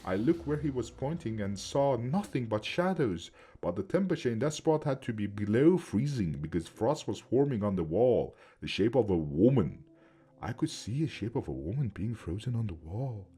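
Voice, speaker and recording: A man reading a first-person horror story aloud in a steady, measured way. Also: on the low side, breathy edge.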